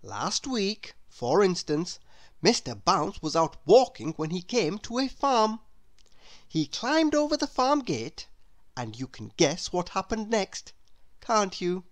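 A woman with a medium-pitched voice reads a scripted children's story aloud. Her storybook narration is expressive and deliberate.

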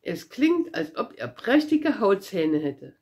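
A woman's voice: mid-range voice, sing-song, takes it slowly, darkish tone. A woman voicing a cheeky, boastful little red-haired girl in a read-aloud storybook, chatty and eager.

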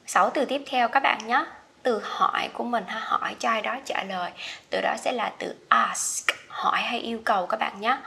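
A woman teaching English pronunciation, saying each word slowly and repeating it to drill it. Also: on the high side, gravelly, pushed and bright. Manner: slow, careful drilling of each word twice. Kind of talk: slow vocabulary lesson with repetition.

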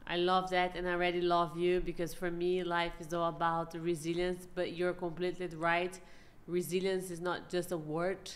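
A woman's voice: on the low side, level tone, normal speed. A woman co-hosting a podcast, enthusiastic and effusive, an English speaker. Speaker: podcast co-host. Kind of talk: podcast interview.

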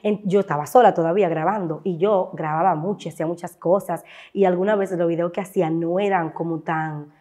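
A woman's voice: fairly low pitch, fairly even intonation, brisk, hardly any pauses, dark tone. A woman with a Dominican accent, a guest on a talk show, telling her personal story with emotion and acting out remembered voices. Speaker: guest, content creator.

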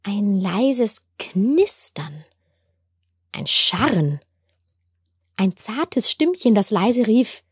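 Breathy, gentle woman storyteller. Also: medium pitch, very animated, very slow, pauses often, dry recording, clean studio sound. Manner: gentle, tender and wondering. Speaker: storyteller and author. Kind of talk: storybook narration.

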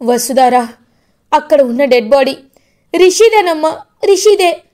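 A woman's voice: high-pitched, lively intonation, measured pace, pitched above the performer's own voice. Woman acting out a wailing grief-stricken father. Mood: tearful. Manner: crying, shouting. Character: grieving middle-aged father, wailing.

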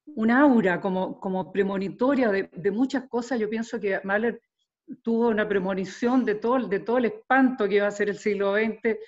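An older woman from Chile with a Chilean accent, a singer talking in a casual interview, animated and often repeating words as she gathers her thoughts. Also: medium pitch, normal speed. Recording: dull lo-fi sound.

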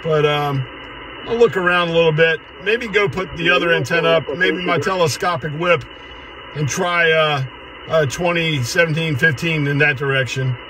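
This American man in his 50s or 60s, an amateur radio operator and vlogger, chats casually at normal speed while running a ham radio from his car. His voice is fairly high, the recording is rough, and a crowd can be heard along with radio static and noise.

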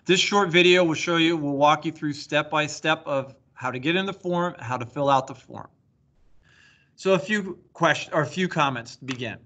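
Man, technology coordinator type, bright and a touch high, steady instructional screen-recording read. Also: moderate pace. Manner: plain step-by-step instructional delivery. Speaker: school district technology coordinator. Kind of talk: screen-recorded tutorial walkthrough.

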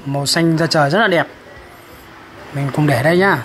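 A high-pitched man presents toys to very young children. He talks as if to a toddler, in short, repeated, encouraging phrases and simple questions. There is clear noise behind his voice. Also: moderate pace, fairly bright tone. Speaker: presenter of a children's toy video. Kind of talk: toy-washing narration for young children.

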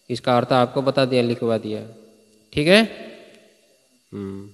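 Speaking slowly at medium pitch, a man teaches Sanskrit grammar in Hindi, first reciting each sutra and then putting it in plain terms. His lecture is full of quick questions asking the class if they understand, with long hall-like reverb on his voice.

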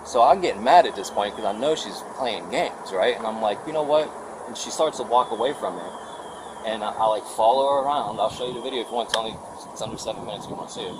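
A man telling his own story in a casual, animated and rambling way, full of restarts and quoted exchanges. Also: fairly low pitch, fast. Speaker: tenant vlogger. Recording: noisy outdoor body cam footage.

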